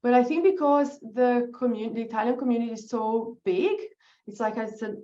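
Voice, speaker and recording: A woman's voice: fairly high pitch, moderate pace, dark tone, highs cut off. A woman from Brazil with a Brazilian Portuguese accent, a guest in a casual interview who laughs often and sometimes searches for words. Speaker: guest, business founder.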